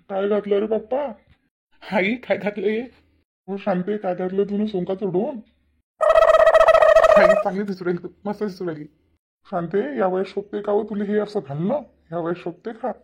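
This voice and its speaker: A woman voicing a teasing, always-hungry elderly village father-in-law in a cartoon, with a low husky voice. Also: normal speed, pauses often, highs cut off, very noisy, natural voice. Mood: mocking. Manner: teasing, chuckling. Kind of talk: cartoon voice acting.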